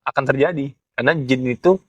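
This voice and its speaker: A young man with a Jakarta Indonesian accent explains things in casual chat, haltingly, often searching for words. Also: mid-range voice, a little mellow, slightly rough, dry recording, lo-fi sound. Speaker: ghost photographer being interviewed.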